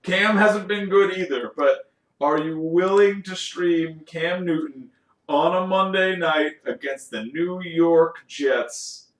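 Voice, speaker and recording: A man co-hosting a casual sports podcast, joking and animated with quick asides. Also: a little high, roomy sound. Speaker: podcast co-host.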